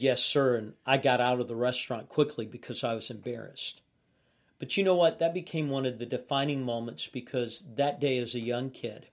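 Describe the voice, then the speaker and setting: A male pastor giving a motivational leadership sermon in a deliberate, measured way with pauses. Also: medium pitch.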